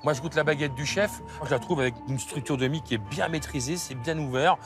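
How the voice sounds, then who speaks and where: Fast-talking man judging bread. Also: a little high, over music. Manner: brisk expert appraisal. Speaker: bakery judge. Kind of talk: food tasting commentary. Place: inside a bakery shop.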